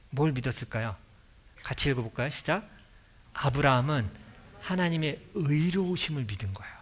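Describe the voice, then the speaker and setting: Pastor guy preaching, kinda high voice, swings way up and down, acts out little dialogues then whispers. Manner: animated, acts out dialogue, drops to a whisper for emphasis. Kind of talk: sermon. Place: church sanctuary.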